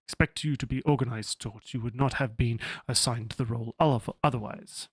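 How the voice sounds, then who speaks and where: A man's voice: medium pitch, moderate pace, husky, no echo. A man with an Australian accent voicing a stern, formal male science officer in a video game, speaking in a clipped and officious way.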